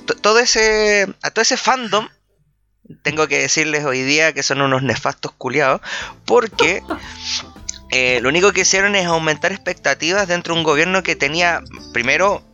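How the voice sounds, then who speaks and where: Chilean man, panel regular, sharp bright tone, blunt and crude, slightly dull lo-fi sound. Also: mid-range voice. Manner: blunt, swears freely, hesitant fillers. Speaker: podcast panelist. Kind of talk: casual political chat.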